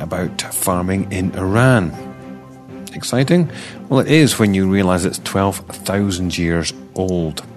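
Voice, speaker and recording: A man's voice: on the low side, darkish tone. A man with a Scottish accent hosting a podcast news roundup, reading stories with playful asides and self-deprecating jokes.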